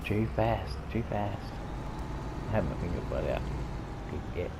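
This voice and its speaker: A loud engine rumbles under a man's deep, creaky voice. He has a broad Australian accent and talks in a laid-back, colloquial way. He rambles through his gameplay commentary, often muttering asides to himself. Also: moderate pace. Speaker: gaming video host. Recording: rumbling engine noise over the voice. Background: loud tractor engine from the game.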